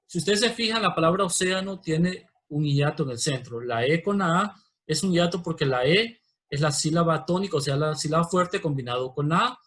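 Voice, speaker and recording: Honduran guy teaching an online class, a bit high voice, patient, slows way down on examples. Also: lively intonation, a bit bright. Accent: Honduran Spanish. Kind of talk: recorded virtual class lesson.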